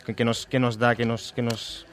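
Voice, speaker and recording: A man's voice: mid-range voice, flat delivery, normal speed, soft background music. A man with a nasal voice and an accent from Spain, chatting casually and jokily as a rambling radio co-host. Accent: Spain Spanish. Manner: jokey, rambling. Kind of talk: casual chat.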